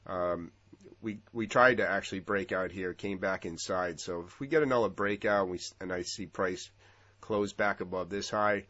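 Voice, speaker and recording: A man with a stuffy, congested voice from a cold, giving casual market commentary over trading charts, relaxed with lots of ums and uhs. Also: low-pitched, normal speed, dull audio. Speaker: futures trading analyst.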